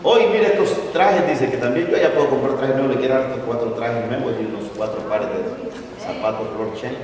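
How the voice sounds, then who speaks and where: A man's voice: medium pitch, moderate pace, a crowd in the background. A middle-aged man preaching a sermon, telling stories and stressing key words. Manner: storytelling preacher, acts out quoted voices, stresses words. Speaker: pastor. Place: large church hall. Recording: echoey hall from far off.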